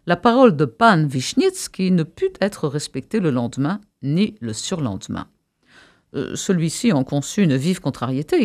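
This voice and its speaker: A man presenting and reading aloud an excerpt of a novel, expressive with a few hesitations. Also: fairly high pitch, dry recording. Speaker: radio presenter and reader.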